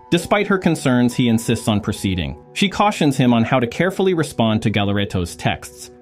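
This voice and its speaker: Lively-voiced male movie recap narrator. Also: medium pitch. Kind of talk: scripted narration.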